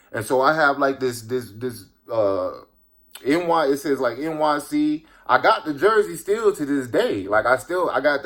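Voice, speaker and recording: A man's voice: medium pitch, fairly bright tone. A young man casually retelling a creepy story, slangy and profane, full of fillers.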